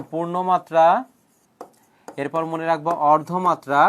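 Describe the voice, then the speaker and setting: A male coaching teacher giving an online grammar lecture, drilling students with repeated questions and answers, joking with threats and often clearing his throat. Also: on the high side, fairly even intonation, unhurried, slight background noise. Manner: jokingly threatens students who have not shared the class.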